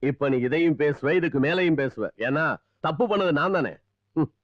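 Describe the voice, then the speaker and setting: A man's voice: fairly high pitch, normal speed, no echo, lightly acted. An actor playing a reproachful elder, the bride's father, speaking sarcastically. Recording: dry, dull film soundtrack.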